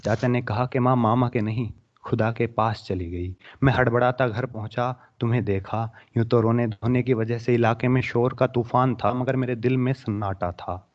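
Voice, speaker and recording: A young man reciting his own emotional poem at a student poetry competition, his voice swelling with feeling and then dropping to soft, hushed passages. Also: mid-range voice, steady tone, moderate pace. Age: young adult. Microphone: online webinar microphone. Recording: dull lo-fi webinar audio.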